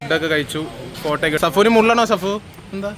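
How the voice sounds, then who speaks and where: A man's voice: fairly high pitch, fast talker. A young man casually vlogging a trip with his friends, teasing them and introducing each one to a handheld camera. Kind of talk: casual travel vlog with friends. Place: among a group on a road trip, by a bus. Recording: busy group chatter around.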